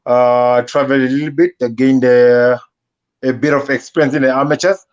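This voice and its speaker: A man's voice: mid-range voice, level tone, moderate pace, highs cut off. A man, a professional boxer answering interview questions hesitantly, with many fillers. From South Africa. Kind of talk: casual interview.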